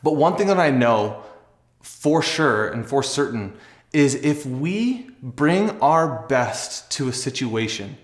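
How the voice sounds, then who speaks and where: A young adult man, who works as an athlete and video host, recounts a personal story to camera in a casual manner. He sounds earnest, conversational and reflective, with a medium-pitched voice and a roomy sound.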